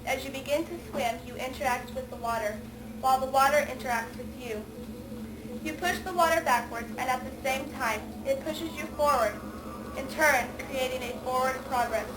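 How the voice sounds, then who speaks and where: A woman with a high-pitched voice narrates a scripted explainer. Her delivery is formal and recited. The sound is homemade camcorder audio, with clear noise around the voice. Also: normal speed. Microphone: camcorder microphone. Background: ambient noise.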